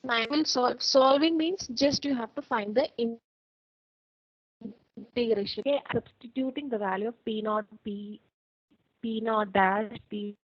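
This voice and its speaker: Woman, patient step-by-step lecturer, slightly higher voice, dry and dull online-call sound. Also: unhurried, pauses often, no room sound. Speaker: math teacher.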